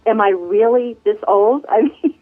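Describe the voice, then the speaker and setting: A woman in her sixties, a flight attendant appearing as a podcast guest, chats casually in an effusive, rambling way over the telephone. Her voice is slightly high and her pace measured. The phone line gives it a tinny sound.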